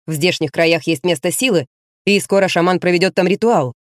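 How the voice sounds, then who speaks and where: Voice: mid-range voice, a little fast, no room sound, studio quality, natural voice. Narrator reading as an eager, friendly young man.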